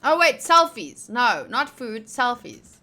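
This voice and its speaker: A young woman streams a visual novel, chatting casually in a playful, sweary, slangy way and reading game lines aloud. Her fairly high voice is sing-song, slow, bright and forceful.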